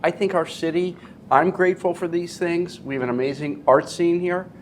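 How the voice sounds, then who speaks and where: A man's voice: on the high side, steady tone, normal speed, slight background noise. A man hosting a casual interview and food challenge, informal, coaxing and teasing as he talks. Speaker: interviewer and host of a wing challenge. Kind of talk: casual chat.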